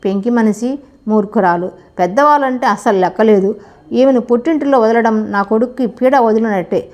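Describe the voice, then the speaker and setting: A woman voicing a stern elderly village father-in-law in a folk tale, with a measured, grave reading. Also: a little high, darkish tone, lightly acted.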